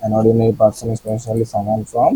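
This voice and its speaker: A man's voice: lowish voice, completely flat delivery, takes it slowly, dark tone, slight background noise, rough recording. A young man with a Bangladeshi accent teaching vocabulary in a casual way, repeating each word and asking the listener questions. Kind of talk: explaining vocabulary.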